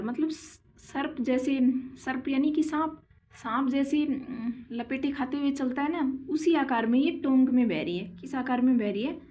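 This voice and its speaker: A woman teaching a geography lesson, slowly repeating key names and quizzing her students with questions as she draws on a board. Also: high-pitched, warm tone. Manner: slow and deliberate, drawing on a board while explaining.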